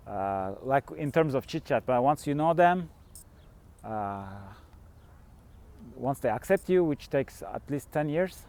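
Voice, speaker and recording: A middle-aged Swiss man, a fasting coach and vlogger, rambles candidly through a casual vlog monologue, chuckling now and then. His voice is fairly high-pitched with a darkish tone.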